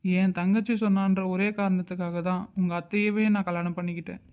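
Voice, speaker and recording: Man doing hurt uncle, reproachful, emotional, fairly high voice, dull sound. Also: level tone, a little fast, clear, resonant tone, natural voice. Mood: grieving. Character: hurt, stubborn middle-aged uncle, angry but grieving. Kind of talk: animated drama voice acting.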